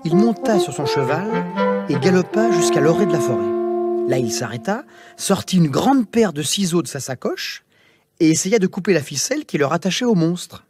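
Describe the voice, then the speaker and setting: Expressive man reading a children's tale. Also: on the high side. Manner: slow, expressive, theatrical narration. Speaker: storyteller. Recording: music playing behind.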